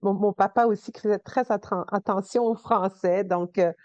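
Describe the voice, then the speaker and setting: A woman's voice: medium pitch, fairly even intonation, moderate pace, a little mellow, dry recording, muffled recording. A woman from Quebec with a Québécois accent, speaking earnestly as an interview guest and searching for her words. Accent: Québécois French. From Quebec, Canada. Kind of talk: conversational interview.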